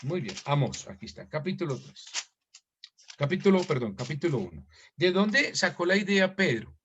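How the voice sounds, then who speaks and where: A man's voice: normal speed, lo-fi sound, a little hiss or hum. A man preaching a sermon as pastor, reading scripture aloud and asking the congregation questions, with sudden emphatic rises. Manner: lively and emphatic, with sudden rises in pitch and loudness.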